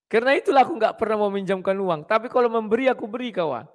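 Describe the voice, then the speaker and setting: A man giving blunt, casual preaching talk to his viewers, clearing his throat often. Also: high-pitched, lively intonation, fast.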